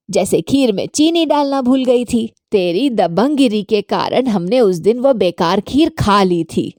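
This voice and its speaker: A woman voicing a grumbling elderly mother-in-law who complains in a lower, softer voice. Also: no room sound, studio quality.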